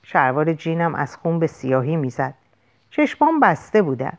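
A woman reading a first-person audiobook with an expressive, dramatic delivery. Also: low-pitched. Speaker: audiobook narrator.

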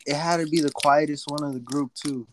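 A man's voice: a little high, fairly even intonation, brisk, noisy background. A young man co-hosting a casual podcast, talking in a laid-back, slangy way. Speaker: podcast co-host. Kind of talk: casual chat.

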